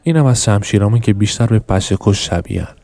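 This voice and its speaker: A man's voice: fairly low pitch, creaky, mellow. A man reading the lines of a bitter middle-aged shopkeeper in an audiobook, scornful and grumbling.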